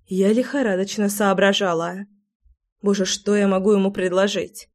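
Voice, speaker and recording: A woman's voice: medium pitch, fairly even intonation, normal speed, a little mellow. Brief: woman audiobook narrator, first-person storytelling, wry and breathless asides.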